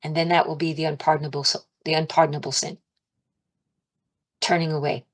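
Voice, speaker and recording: A woman giving an informal, chatty sermon, animated, laughing often and raising her voice to act out her pleas to God. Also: low voice, a little fast. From Italian and Irish heritage. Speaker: spiritual teacher.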